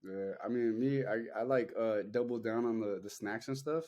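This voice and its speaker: A young male podcast host chats loosely in a warm, medium-pitched voice at a normal speed. He rambles through casual conversation, packing in lots of fillers and swearing.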